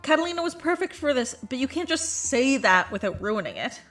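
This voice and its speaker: A woman's voice: high voice, sing-song, brisk, fairly bright tone, soft background music. Blunt teasing medical student, voiced by a woman. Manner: blunt, teasing, matter-of-fact.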